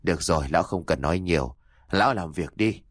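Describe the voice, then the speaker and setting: A man voicing a sharp-tongued old widow. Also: deep voice, quick pace, no echo, studio quality, voice pushed down. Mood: curt. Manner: curt, scolding.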